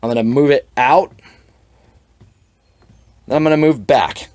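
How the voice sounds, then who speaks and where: A man's voice: medium pitch, measured pace, a little mellow. A man walking through a hands-on equipment demonstration, talking plainly with dry sarcastic asides. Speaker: shotgun reloading demonstrator.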